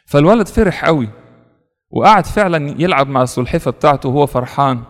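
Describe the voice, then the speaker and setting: A man's voice: fairly high pitch, lively intonation, fast talker, big-room sound. A man with an Egyptian Arabic accent, a priest telling a story in a sermon, earnest and repeating words for stress.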